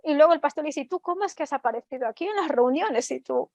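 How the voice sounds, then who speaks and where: Woman preacher, high voice, sermon storytelling, retells dialogue with fillers. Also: animated, quick pace, a little mellow, no echo.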